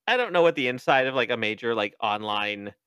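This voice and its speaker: A man hosting a podcast, casually recapping a book in an animated, joking way, cursing freely and acting out quoted lines. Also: mid-range voice, brisk, clean tone, dry recording, studio quality. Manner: animated, profane, joking, with exaggerated quoted voices. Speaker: podcast host.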